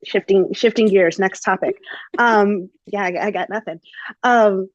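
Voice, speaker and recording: A woman's voice: medium pitch, unhurried, dry recording, lo-fi sound. A woman hosting a podcast, telling a story in a casual, chatty way with lots of fillers. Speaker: podcast host.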